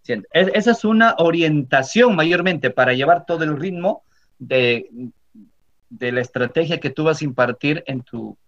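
A man with a Peruvian Spanish accent, teaching a software tutorial for teachers step by step and often checking that his listeners are following. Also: fairly high pitch, lively intonation, moderate pace. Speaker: teacher training instructor. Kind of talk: screen-recording software tutorial. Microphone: computer microphone. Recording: slightly dull lo-fi audio.

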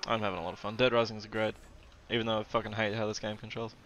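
Bright-voiced young man streaming a game. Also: fairly low pitch, flat delivery, very fast, highs cut off, a little hiss or hum. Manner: laughs often, swears, mimics others. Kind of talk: casual gameplay chat.

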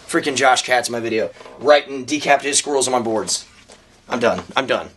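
A young man vlogging about skateboarding, his voice hoarse and worn out, joking at his own expense and rambling with fillers. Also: mid-range voice, brisk, fairly bright tone. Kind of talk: casual vlog talk to camera.

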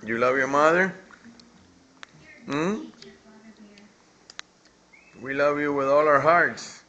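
A man casually filming his daughter at breakfast, gently coaxing her to eat and talk. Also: fairly high pitch, slow, lo-fi sound. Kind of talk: casual home video chat.

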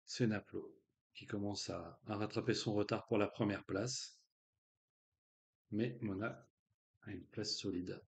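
A man's voice: on the low side, fairly even intonation, a little slow, creaky, pauses often. A man hosting a live online quiz in a casual, joking way, with slang and lots of fillers. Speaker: quiz host.

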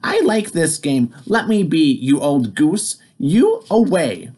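A storyteller voicing a mischievous, excited male firefly in a children's story, with a high, gleeful, squealing voice. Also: slow pace, breathy edge, heavily acted. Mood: cheeky. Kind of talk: storybook read-aloud.

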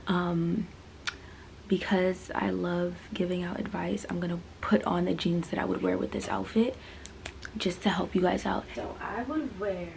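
Young woman, 20, rambling haul chat, gravelly voice, faint room hiss, camera across a small bedroom. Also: on the low side, darkish tone. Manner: chatty, rambling, full of fillers and asides. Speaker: fashion vlogger. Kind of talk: casual try-on haul chat. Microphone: camera on a stand, mid-distance.

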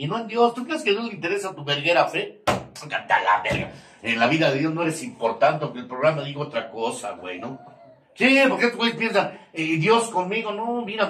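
With a fairly high, fairly bright voice, an older man with a Mexican Spanish accent addresses a recovery group. He swears constantly, mocks and confronts, and laughs at his own jabs. A far-off mic catches him in an echoey room with faint noise.

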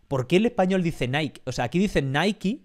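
A man's voice: a little high, lively intonation, fairly quick, darkish tone. A man from Spain hosting a podcast, speaking with a Spain Spanish accent in casual chat, rambling through many fillers and restarts. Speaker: podcast host.

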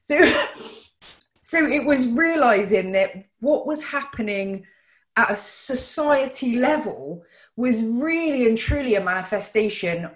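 A woman from Bristol with a West Country English accent, hosting a casual political discussion in an animated, emphatic, informal way. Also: on the high side. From Bristol, England. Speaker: host. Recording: roomy, echoey video call.

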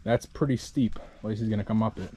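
A travel vlogger in his twenties chats warmly to the action camera he holds at arm's length while hiking a volcano trail in the rainforest. His fairly low voice moves a little fast. The recording picks up faint outdoor noise.

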